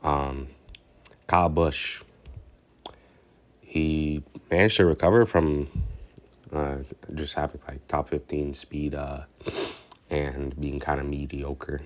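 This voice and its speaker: Stuffed up with congestion, this racing commentator recaps a stock car race in a bass voice with fairly even intonation, speaking slowly with long pauses. His casual, rambling delivery hesitates often, loaded with fillers and restarts.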